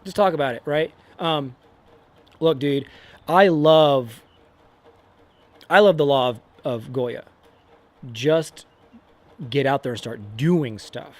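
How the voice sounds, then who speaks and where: Young man, podcast co-host, animated casual delivery with acted-out quotes. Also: mid-range voice, takes it slowly, pauses often, no room sound. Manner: animated, acts out quotes, says man and dude a lot. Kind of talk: casual faith and motivation chat.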